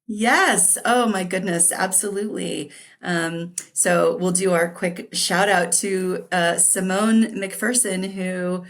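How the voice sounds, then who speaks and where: A woman with a lowish voice hosts a podcast, reading a guest introduction before slipping into casual, effusive interview chat packed with fillers and laughs. She speaks slowly with few pauses.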